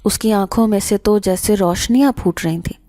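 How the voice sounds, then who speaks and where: A woman narrates a horror story in the first person with a steady, measured delivery. Her voice is dark and mellow. The recording is dry and close, with no room sound. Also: mid-range voice, dry recording.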